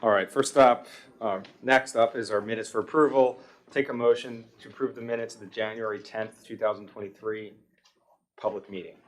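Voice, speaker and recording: Speaking on the low side with fairly even intonation, this American man reads long ordinances and motions at a fairly quick clip. He is chairing a township meeting in its public meeting room, and his delivery is formal and procedural.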